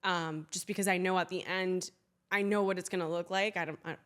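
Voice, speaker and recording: A woman's voice: on the low side, steady tone, brisk, fairly bright tone. A young woman from Miami, chatting confidently as a podcast guest and laughing often. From Miami, United States. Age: young adult. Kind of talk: casual interview chat.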